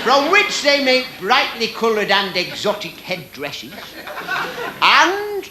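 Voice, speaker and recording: A man performing a comic mock lecture on stage as a ventriloquist, with formal, deliberate, mock-scholarly phrasing. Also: very high voice, sing-song. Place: on stage at a live show. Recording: very noisy live stage recording.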